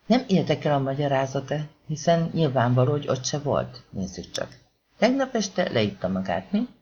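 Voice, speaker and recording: A menacing gangster, voiced by a man in an audiobook, speaking slowly and loudly with cold, controlled fury. His pitch swings widely between words. The recording is dull and lo-fi. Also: very animated, a little hiss or hum, close to an everyday voice. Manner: quiet, commanding, threatening, swearing. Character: menacing male gangster, calm yet furious.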